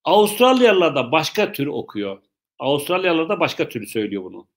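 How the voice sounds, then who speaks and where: In a live online English lesson, a man explains things slowly, says points more than once, and jokes around with questions from viewers. His voice sits a little high and has a sing-song lilt.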